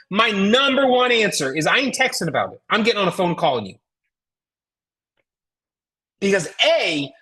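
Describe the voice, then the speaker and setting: A woman with an American accent works as a network marketing trainer, delivering a motivational sales coaching talk that's emphatic, folksy, and full of rhetorical questions. Her voice is medium-pitched, fairly bright, and slightly rough.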